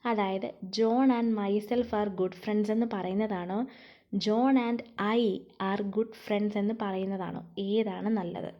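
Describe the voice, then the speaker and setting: A woman English teacher with a Malayali accent, explaining grammar rules in a lecture. She dictates English slowly and then explains quickly, repeating key phrases with strong emphasis. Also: mid-range voice, steady tone, lo-fi sound. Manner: switches between slow dictated English and rapid Malayalam explanation.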